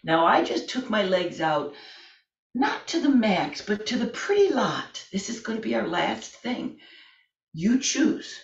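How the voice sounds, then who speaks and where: A woman in her late sixties, a fitness and yoga instructor, gently talking a class through exercises from the floor at home, chatty and self-deprecating. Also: mid-range voice, very animated, unhurried. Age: 60s. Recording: roomy, distant, slightly dull home video.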